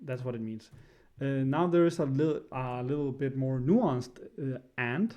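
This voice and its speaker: A man giving a casual spoken lesson, hesitant and filling pauses with "uh" and "right?". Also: medium pitch, lively intonation, mellow, highs cut off. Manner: hesitant, many fillers, frequent "right?". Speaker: language teacher.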